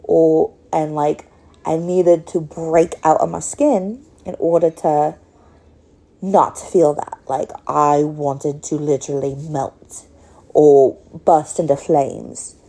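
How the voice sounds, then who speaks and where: A woman's voice: sits low, steady tone, slow, dark tone. A woman hosting a podcast, speaking in a rambling, casual monologue with many fillers. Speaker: podcast host.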